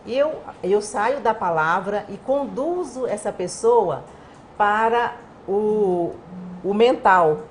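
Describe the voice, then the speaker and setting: Woman, interview guest, animated explainer, acts out quotes, faint noise behind. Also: medium pitch, slow pace. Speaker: guest communication expert.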